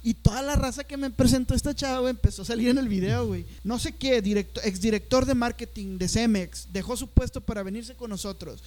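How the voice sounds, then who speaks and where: Mexican man, young adult, slangy and animated, high voice, rapid delivery, casual storytelling. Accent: Mexican Spanish. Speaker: storyteller on a chat show.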